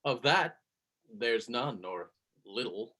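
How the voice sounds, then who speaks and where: A man's voice: medium pitch, lively intonation, slow pace, sharp tone, exaggerated voice. A man playing a blunt, mocking nobleman in a Shakespearean drama, with a dry, cutting delivery. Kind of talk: Shakespearean stage drama performance.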